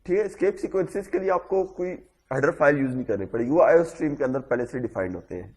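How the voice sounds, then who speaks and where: A man's voice: a little high, animated, darkish tone. A man teaching a programming class, explaining step by step and saying "okay" after nearly every phrase. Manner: repeats "theek hai" constantly, explains step by step. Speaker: programming instructor. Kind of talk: classroom coding lecture.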